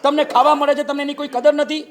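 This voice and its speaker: A Jain monk preaches with a Gujarati accent and a strikingly high voice for a man. He keeps his sermon light and lively, raising his voice to act out the people in his stories. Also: fast talker. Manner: animated, acts out quoted people with raised voice. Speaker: Jain monk giving a discourse. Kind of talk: humorous sermon.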